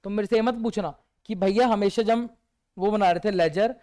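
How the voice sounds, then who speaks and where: A man teaching a review class asks his students question after rhetorical question, quietly answering a good number of them in one word. He speaks at normal speed with a high-sitting voice.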